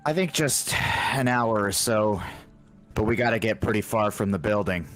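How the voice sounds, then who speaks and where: A man's voice: fairly low pitch, normal speed, fairly bright tone, soft background music, natural voice. A man voicing a sly male goblin in a tabletop game, with a put-on nasal goblin voice. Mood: urgent.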